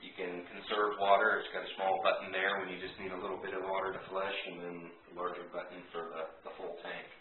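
Man in his forties, contractor, low flat voice, plain step-by-step how-to, recorded with a far camera mic in an echoey room. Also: fast talker, hardly any pauses, a little hiss or hum. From Texas. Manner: plain-spoken, practical, explaining step by step. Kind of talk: how-to demonstration. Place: small bathroom under remodel, indoors. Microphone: camera mic from a few feet away. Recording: echoey room, tinny camera sound from afar.

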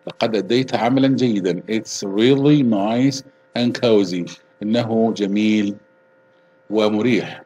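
Male English teacher. Slow, deliberate reading, fast translations. Low, husky voice. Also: a little mellow, rough recording. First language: Arabic. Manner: reads English slowly and clearly, translates quickly with fillers. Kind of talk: bilingual lesson, reading English lines and translating into Arabic.

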